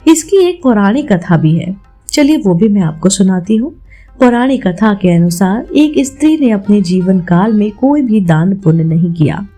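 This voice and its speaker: A woman with a warm, animated, medium-pitched voice hosts a devotional explainer at a moderate pace. She tells religious stories and instructs her listeners like friends, while faint music plays in the background.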